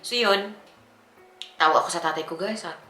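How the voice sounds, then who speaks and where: Speaking at a normal pace in a sharp tone, this young woman from the Philippines has a lowish voice and shares a personal story with her viewers. Her vlog is chatty and full of fillers and frequent laughter, with faint music in an echoey room.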